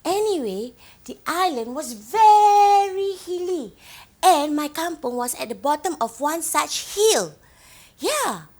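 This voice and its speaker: An actress with a Singaporean accent, playing a young woman who fondly recalls her island village childhood, gently telling her story and asking the listener questions. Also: extremely high pitch, very animated, takes it slowly, full character voice. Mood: reminiscing. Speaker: actor in a monologue. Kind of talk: theatrical storytelling monologue to the audience.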